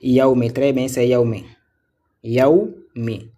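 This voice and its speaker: A man teaching a reading lesson live, slow and patient as he sounds out each syllable again and again. His voice is dark and mellow, and he keeps checking in with students and praising their answers. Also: mid-range voice, steady tone.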